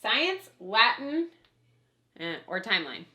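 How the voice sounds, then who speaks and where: A homeschool co-op teacher leads children through a playful class recitation, coaxing them to chant along in an upbeat way. Her medium-pitched voice is very animated, pushed and bright, and she takes it slowly.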